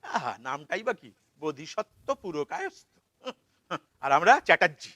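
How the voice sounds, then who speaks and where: Ranting Kolkata dad played by a man: high, bright, sarcastic, keeps shouting the same lines. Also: huge pitch swings, moderate pace, dry recording, full character voice. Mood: frantic indignant. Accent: Kolkata Bengali. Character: frantic middle-aged father of the bride, money-obsessed. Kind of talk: theatre play reading.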